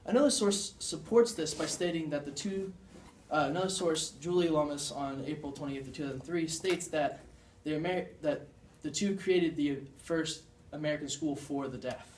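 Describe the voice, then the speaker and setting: A young student gives an earnest class presentation, demonstrating as he explains. His voice sits on the high side. It is picked up by a distant mic in an echoey room with a faint hum of ambience. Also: moderate pace, few pauses, darkish tone.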